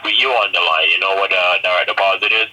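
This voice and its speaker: A man with an Indian accent pushing a scripted pitch on a phone call, halting and repeating himself as he insists. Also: fairly even intonation, sharp tone. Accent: Indian English. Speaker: phone scammer posing as a government agent. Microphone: telephone. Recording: noisy phone line.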